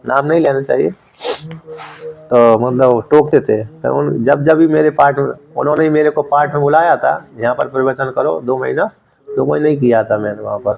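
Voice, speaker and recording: Man, scripture teacher, explanatory lecture, gravelly, medium pitch, muffled lo-fi sound. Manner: explanatory, repeats words to drill pronunciation. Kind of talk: lecture on a Sanskrit text.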